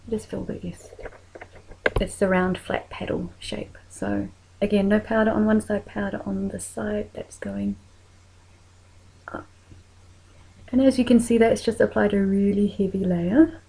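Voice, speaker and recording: Woman, New Zealand accent, casual makeup tutorial, soft half-whispered delivery, gravelly, husky. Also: medium pitch, animated, a little slow, pauses often, poor audio. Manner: soft-spoken, often trailing into whispers while working.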